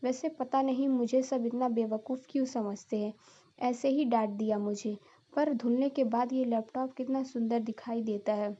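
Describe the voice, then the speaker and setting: A woman's voice: a little high, steady tone, moderate pace, warm tone, dull audio, natural voice. A woman voicing a silly, literal-minded young daughter-in-law in a cartoon story, naive and earnest.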